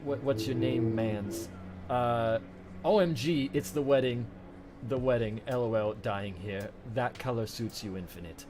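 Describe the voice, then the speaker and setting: A man's voice: mid-range voice, unhurried, noisy background, lightly acted. A man playing a brooding hedgehog antihero, hosting a livestream with dry, grumbling, hesitant banter. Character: Shadow the Hedgehog, brooding male anthropomorphic hedgehog held captive. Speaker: livestream host reading donations. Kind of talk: in-character improvised livestream banter. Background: background music.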